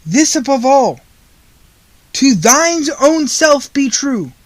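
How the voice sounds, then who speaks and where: Merry Shakespearean Santa played by an actor: high voice, unhurried theatrical verse, dry studio sound. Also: big pitch swings, no echo, exaggerated voice. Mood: solemn, urging. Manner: slow, declamatory, theatrical delivery. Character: merry, stately Shakespearean Santa Claus, grandly pleading. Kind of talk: mock-Shakespearean radio play acting.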